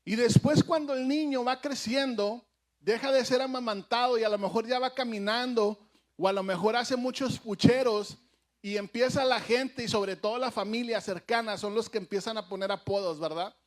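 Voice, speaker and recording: A man's voice: very high voice, fairly even intonation, normal speed. A male pastor giving a conversational sermon, telling funny anecdotes and asking the congregation questions. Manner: conversational, humorous anecdotes with audience asides.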